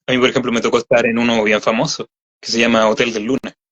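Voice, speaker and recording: A man's voice: medium pitch, flat delivery, fast talker, a bit bright. Chilean guy talking dubbing stuff, rambly, mid voice, kinda dull sound. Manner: chatty, explains at length with many fillers. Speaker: voice actor guest. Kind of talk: casual interview chat. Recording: slightly dull lo-fi audio.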